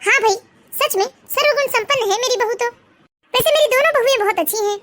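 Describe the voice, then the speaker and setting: A woman's voice: very high voice, fast, a bit bright. A woman voicing a kindly but bossy middle-aged mother-in-law in a cartoon. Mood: fond. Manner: fond, bossy. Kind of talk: Hindi cartoon voice acting.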